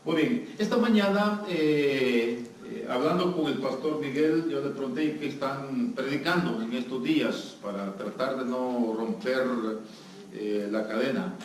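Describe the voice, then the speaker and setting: Medium in pitch and a little slow, this Salvadoran-accented guest pastor jokes with his congregation and asks them questions during a live sermon. The recording has a distant mic and sounds echoey and noisy, as in a church hall.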